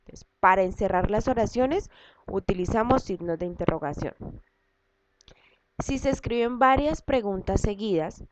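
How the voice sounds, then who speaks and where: A woman's voice: mid-range voice, animated, normal speed. A woman teacher giving a recorded lesson, explaining step by step and repeating each point patiently. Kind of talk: recorded class lesson for students. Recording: dull lo-fi audio with loud background noise and clicks.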